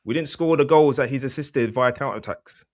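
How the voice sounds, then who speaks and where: A man's voice: mid-range voice, brisk, dry recording, studio quality. A man hosting a casual football podcast, rambling with restarts and admitting he is slurring his words. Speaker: podcast host.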